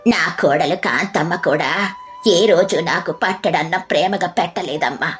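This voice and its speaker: A woman voicing a frail, grateful old mother who speaks slowly and softly. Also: fairly low pitch, faint music behind, pitched below the performer's own voice, close to an everyday voice. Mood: sorrowful. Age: older. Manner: slow, soft and sorrowful.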